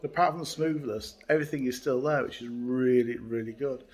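A man's voice: medium pitch, brisk. A man, hosting a casual beer review and chatting easily with many fillers, recorded close on a phone or webcam indoors by a window. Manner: chatty, relaxed, frequent uh fillers. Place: indoors by a window in a hotel room.

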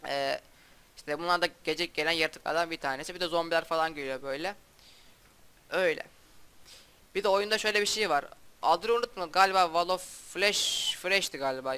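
A young man casually commenting on his own gameplay as a YouTuber, talking in a halting, stumbling way with frequent restarts and a flat, subdued delivery. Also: a little high, clear, resonant tone. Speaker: gaming YouTuber.

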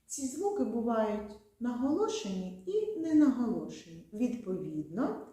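Slow sing-song woman teacher, echoey. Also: medium pitch, warm tone. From Ukraine. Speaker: kindergarten teacher. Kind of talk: children's lesson. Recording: very echoey room.

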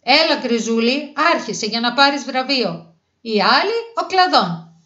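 A woman's voice: fairly high pitch, animated, sharp tone, voice pushed up. A woman voicing a caring but strict male schoolteacher of the forest animals, coaxing and warning. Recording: dull lo-fi recording.

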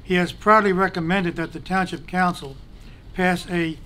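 At a council meeting, a man with a high, sharp-toned voice reads out a prepared statement. He is the council president, speaking into a desk mic in a large chamber, and his formal, measured words carry pointed criticism.

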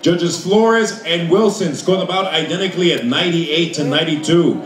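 A man making formal, drawn-out ring announcements at a boxing event, projecting his voice over a PA. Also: a little high. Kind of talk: bilingual boxing ring announcement in English and Spanish. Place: outdoor covered boxing arena at night. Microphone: announcer's PA heard through a spectator's phone. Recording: echoey PA amid crowd noise, phone recording. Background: crowd.

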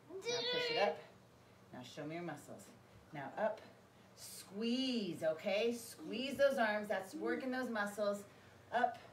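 A woman leading a workout as an aerobics instructor, calling out short encouraging cues and counts while she exercises. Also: lowish voice. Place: large carpeted room with high vaulted ceiling, indoors. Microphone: camera a few metres away. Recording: roomy, distant mic, clearly noisy.

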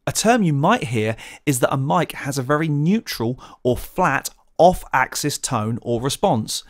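A man presenting a scripted audio tutorial, explaining clearly and methodically into a close studio condenser mic. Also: mid-range voice, lively intonation, a little slow. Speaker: presenter of a gear channel.

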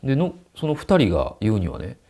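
A man's voice: fairly low pitch, wildly swooping pitch, brisk, vocal fry, mellow, husky. A man telling a ghost story and acting out the quoted dialogue.

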